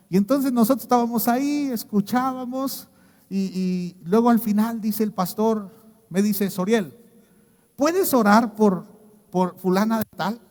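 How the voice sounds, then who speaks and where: A man with a Mexican accent preaching a sermon as pastor, telling stories in a lively way and often checking in with "¿sí?". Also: a little high, long reverb tail. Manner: animated storytelling with repeated "¿sí?" checks.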